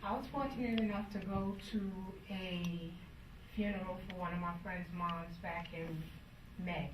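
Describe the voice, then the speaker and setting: A woman's voice: fairly low pitch, steady tone, unhurried, noisy background. Woman holding back tears at a funeral. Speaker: youngest daughter of the deceased. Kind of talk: funeral tribute speech. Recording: roomy, from far off.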